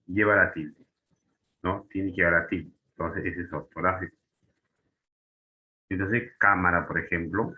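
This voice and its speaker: A man's voice: low voice, bright, forceful tone, rough recording. A man teaching a lesson to young students, explaining step by step with frequent fillers and tag questions. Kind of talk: spelling and grammar lesson.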